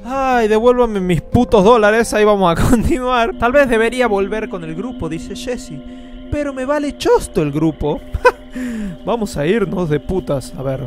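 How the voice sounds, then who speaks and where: A man's voice: sits high, animated, moderate pace, faint music behind. A man doing profane, joking commentary over a story game he is playing. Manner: profane, joking, puts on silly voices. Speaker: gameplay commentator. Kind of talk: crude comedic let's play commentary.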